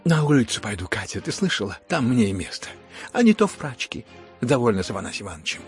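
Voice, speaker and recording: A man's voice: medium pitch, moderate pace, vocal fry, soft background music, lightly acted. A man voicing a proud, defiant young woman. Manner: loud, scornful commanding outbursts. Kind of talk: audiobook character reading.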